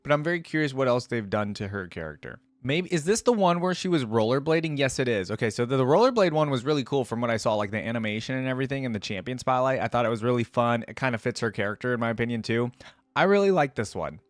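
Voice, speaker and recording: A fast-talking video host with a medium-pitched voice and lively intonation gives enthusiastic, conversational reaction commentary, calling his viewers "guys." The recording is dry, with music behind the voice.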